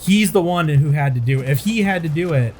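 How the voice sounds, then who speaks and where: Lively-pitched young man chatting. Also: a little fast, a little hiss or hum. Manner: earnest, thinks aloud, lively pitch. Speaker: co-host. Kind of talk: casual gaming chat.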